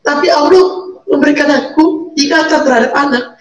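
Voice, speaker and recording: A woman with a high voice gives an earnest personal testimony and repeats key words for emphasis. She is far from the microphone. Her voice sounds roomy and echoey, like a video call. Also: moderate pace. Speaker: interview guest, a convert and single mother.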